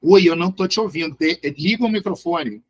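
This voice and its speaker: A man's voice: on the high side, brisk. A man with a Brazilian Portuguese accent, a psychologist giving a live online lecture, emphatic and addressing his listeners directly. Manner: emphatic, addresses listeners directly, tags sentences with a questioning "right?". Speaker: psychologist teaching a class.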